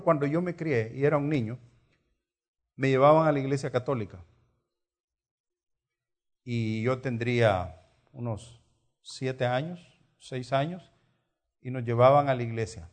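A middle-aged man with a Salvadoran Spanish accent and a medium-pitched voice delivers a conversational sermon. He teaches through rhetorical questions and repeated phrases.

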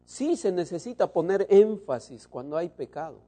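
A man preaching a sermon to his congregation, shifting between loud emphasis and soft, low asides. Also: big pitch swings, normal speed.

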